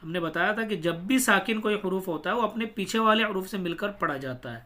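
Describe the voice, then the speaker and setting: A man with a high, bright voice teaches a Quran reading lesson. He explains each rule patiently, then sounds out the words syllable by syllable at a slow, deliberate pace. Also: expressive.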